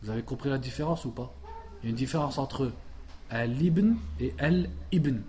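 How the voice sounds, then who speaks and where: Guy teaching a class, explains slowly, keeps checking if everyone got it. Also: mid-range voice, dark tone. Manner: explains patiently, asks the class questions. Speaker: Islamic studies teacher. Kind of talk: classroom lesson, reading and explaining.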